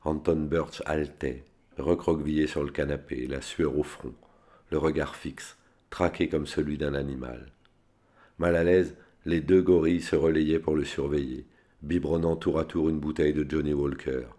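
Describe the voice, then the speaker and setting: A man reading a spy novel aloud in a steady, plain storytelling manner. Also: very deep voice, normal speed. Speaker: reader.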